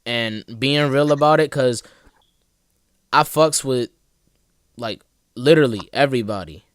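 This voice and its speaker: A young man hosts a loose, casual conversation, speaking bluntly and packing his talk with slang. His voice comes through smooth and resonant. The sound is dry and close, with no room around it. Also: mid-range voice, unhurried, dry recording. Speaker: host. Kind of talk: casual podcast chat.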